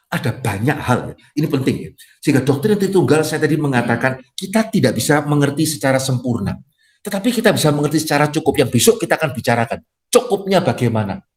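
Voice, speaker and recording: A man's voice: fairly high pitch, quick pace. A middle-aged male pastor from Indonesia giving a sermon in a conversational way, with frequent tag questions and playful acted-out quotes. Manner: lively, acts out quoted dialogue with jokes; conversational preaching with frequent "ya" tags.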